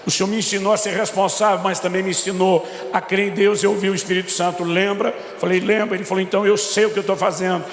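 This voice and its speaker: Brief: middle-aged male pastor, animated storytelling preacher, gravelly high voice, long church reverb. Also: fast, few pauses. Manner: animated storyteller, voices quotes of himself and his son. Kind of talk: sermon with acted-out dialogue. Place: large church hall. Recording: echoey church hall with reverb.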